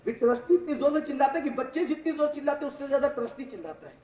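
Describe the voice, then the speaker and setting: A man preaching a sermon to a congregation, impassioned, swinging from loud shouts to low, quiet lines. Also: racing. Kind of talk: Urdu-Hindi religious sermon to a congregation. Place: large hall or mosque gathering. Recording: echoey distant mic in a hall.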